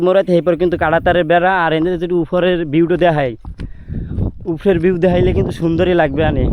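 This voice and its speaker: A man's voice: sits high, a little mellow, clean tone, no echo. A young man from Bangladesh with a Barishal Bengali accent, chatting casually through a walking travel vlog outdoors in hill country, exclaiming at the views and out of breath from the climb. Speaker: travel vlogger. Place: hilly border area outdoors.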